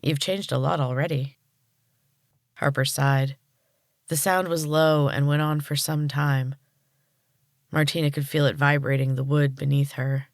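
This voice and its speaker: A woman podcast host narrating a storybook chapter in a calm, measured way. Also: low-pitched, dry recording, studio quality.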